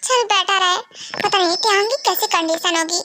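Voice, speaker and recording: A woman's voice: very high voice, normal speed, sharp tone. A woman playing a mother who teases and scolds her vampire son in a fan audio drama. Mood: soothing. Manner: teasing, scolding.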